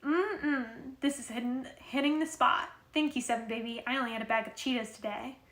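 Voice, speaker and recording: Eine Frau liest eine fürsorgliche, strenge Mutter. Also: female voice, fairly high pitch, fairly even intonation, moderate pace, fairly bright tone. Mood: warm. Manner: affectionate but scolding. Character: caring, firm working mother at a clinic. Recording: roomy echo.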